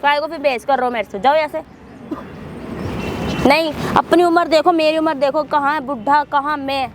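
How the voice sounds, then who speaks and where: A woman's voice: high-pitched, fairly even intonation, moderate pace, natural voice. A woman playing a scornful, impatient young wife in a staged outdoor skit, snapping back dismissively. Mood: mocking. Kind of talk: staged prank skit acting. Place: outdoors in a park. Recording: outdoor park, clear background noise.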